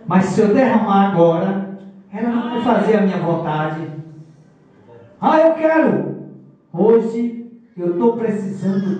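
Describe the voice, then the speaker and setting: A man's voice: high-pitched, mellow. A man preaching a sermon with personal testimony, passionately acting out his conversations with God. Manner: impassioned, acts out dialogues with God. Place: church service. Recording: echoey church, mic far off.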